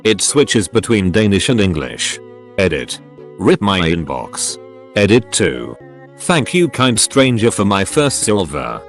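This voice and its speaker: One by one, a man with a fairly low voice reads forum posts from the internet, keeping a plain, factual delivery and pausing briefly between each.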